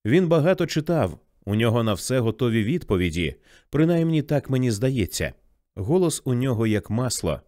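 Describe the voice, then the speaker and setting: A man's voice: medium pitch, sing-song, normal speed, warm tone, no echo, clean studio sound, lightly acted. A man voicing a restless, troubled male fireman in an audiobook. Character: restless young male fireman, defiant and searching.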